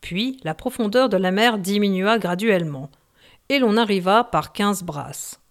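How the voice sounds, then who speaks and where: A woman narrating a novel in a measured, expressive reading. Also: mid-range voice. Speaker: audiobook narrator.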